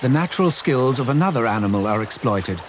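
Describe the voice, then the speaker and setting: Male narrator for a nature documentary: mid-pitched, measured and serious, with loud animal and outdoor sound behind the voice. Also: lively intonation, noisy background.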